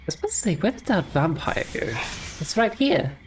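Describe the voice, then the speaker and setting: Low-voiced woman streamer with wry asides. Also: very animated, normal speed, a little hiss or hum. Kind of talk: narrating a game playthrough. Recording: live stream with faint music.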